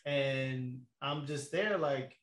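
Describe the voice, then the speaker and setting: A man's voice: medium pitch, very slow, fairly bright tone. A young man telling a long story in a casual chat, laid-back and slangy, with lots of fillers and laughs. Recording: echoey room.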